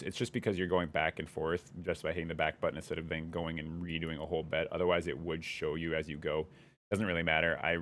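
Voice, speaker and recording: A young man chatting casually on a live stream, rambling and thinking out loud as he follows his curiosity. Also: low-pitched.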